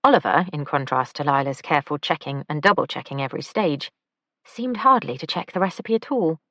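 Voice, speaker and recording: A woman narrating an audiobook in an even, measured way on a close studio mic. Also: deep voice, dry recording. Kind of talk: scripted narration.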